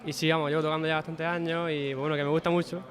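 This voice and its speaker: A young man studying guitar, answering questions quickly and eagerly in a slightly high voice. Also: little pitch movement, a bit bright. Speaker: conservatory guitar student.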